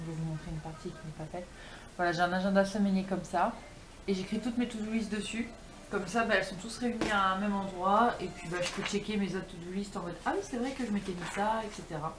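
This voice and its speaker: A young woman speaks as a vlogger in an informal, chatty way, addressing her viewers directly. Her medium-pitched voice sits in a roomy, echoing home recording with faint noise behind it. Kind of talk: casual chat to camera. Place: indoors at home.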